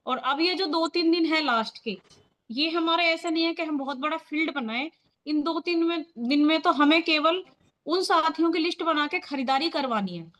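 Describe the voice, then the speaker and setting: A high-pitched woman speaks over a video call, leading a training session for her team. She talks in an earnest, firm and encouraging way, in a plain meeting-leader style. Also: normal speed, fairly bright tone.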